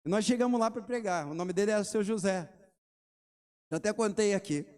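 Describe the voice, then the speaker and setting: A man's voice: high-pitched, brisk, darkish tone, clear, resonant tone. A middle-aged man, preaching a sermon and asking the congregation rhetorical questions between testimony stories. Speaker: pastor.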